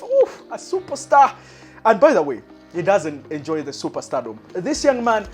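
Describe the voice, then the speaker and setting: A male talk show host introducing and teasing his guest in a hyped, playful way, laughing often. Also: high-pitched. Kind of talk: lively show hosting.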